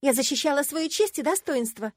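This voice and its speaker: A woman's voice: fairly high pitch, animated, brisk, a little mellow, no echo, pitched above the performer's own voice. A woman voicing a feisty sarcastic young heroine. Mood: indignant. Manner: sarcastic, indignant, mock-sweet.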